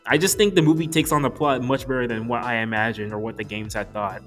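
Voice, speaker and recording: A young man reads a casual, scripted movie review as a video reviewer, joking and swearing casually over background music. His mid-range voice is fairly bright, with fairly even intonation and a quick pace.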